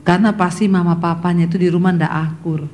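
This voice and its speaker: A middle-aged woman preacher delivers a sermon full of vivid personal stories, slipping into her family members' voices and often turning to address the congregation directly. Her voice is fairly low and darkish, with fairly even intonation and a fast pace.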